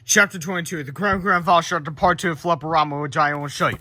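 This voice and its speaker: A man reading a children's book aloud in an animated way, breaking off for excited asides. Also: a little high, fast talker. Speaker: read-aloud narrator.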